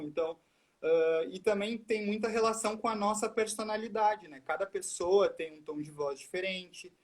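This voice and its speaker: A man, a speech therapist explaining things step by step in a live chat and asking himself rhetorical questions. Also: high-pitched.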